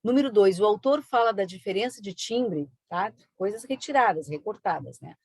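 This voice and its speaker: A woman teaching an online exam-prep lesson, brisk and coaxing, with frequent tag questions. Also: mid-range voice, lively intonation, a little mellow, breathy edge, no room sound. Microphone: video call.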